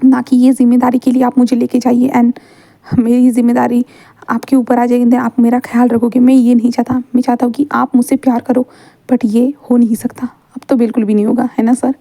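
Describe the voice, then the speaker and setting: A woman voicing a young male student in a fan story read aloud. The student pleads softly and hesitantly, often repeating words. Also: fairly high pitch, flat delivery, fairly quick, dry recording. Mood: pleading.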